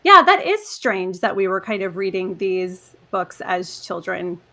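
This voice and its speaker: A woman's voice: mid-range voice, big pitch swings, measured pace, sharp tone. Conversational woman guest on a podcast. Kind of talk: casual book chat.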